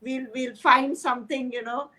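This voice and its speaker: A woman's voice: high voice, steady tone, moderate pace, bright, forceful tone, rough recording. A woman who is a life coach, speaking as a guest in a casual chat, thoughtful and hesitant, with fillers.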